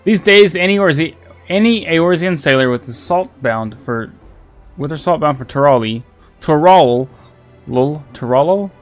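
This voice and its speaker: A man's voice: on the high side, animated, a little slow, faint music behind. A man voicing a seafaring male explorer captain in a pirate drawl, reading game lines aloud and stumbling over the names. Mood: yarn-spinning.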